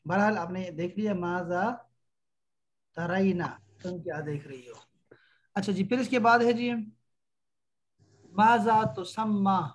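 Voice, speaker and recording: In a web-based Arabic class, a man with a high voice has his student practice phrases slowly, saying each one again with patience. His explanations come fast, along with corrections for the learner.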